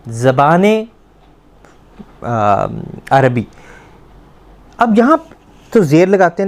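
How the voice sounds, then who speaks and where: A man teaching Persian to children, repeating words slowly and questioning his pupils. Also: high-pitched, a little mellow. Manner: patient, repeats words slowly to drill pronunciation; asks the pupils questions and praises answers.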